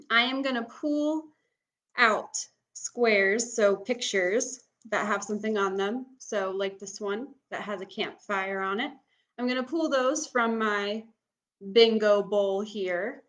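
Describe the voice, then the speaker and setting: A young woman works as a bingo caller for an online game, speaking in a medium-pitched voice. She gives casual, step-by-step instructions and announces each item, then repeats it. She is recorded indoors at home on a computer microphone. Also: slow, fairly bright tone. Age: young adult. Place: small room at home, indoors.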